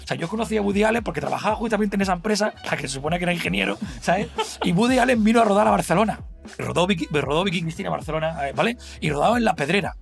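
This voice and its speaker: High, gravelly Spanish man rambling animatedly. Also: rapid-fire, faint music behind. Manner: rambling, animated, full of fillers and laughter. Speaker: guest telling an anecdote. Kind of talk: casual podcast storytelling.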